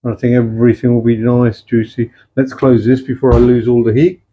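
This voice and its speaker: A man's voice: mid-range voice, flat delivery, brisk, slightly rough. A middle-aged man casually showing home cooking in his kitchen, chatting easily and slipping in Punjabi-Urdu phrases. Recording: dull lo-fi home recording.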